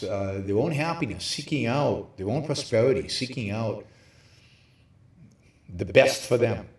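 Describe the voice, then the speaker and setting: A man hosting a livestream, lecturing emphatically from a hotel room with very high ceilings, his voice carrying a hollow cave-like echo. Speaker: show host. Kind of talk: livestream talk on philosophy.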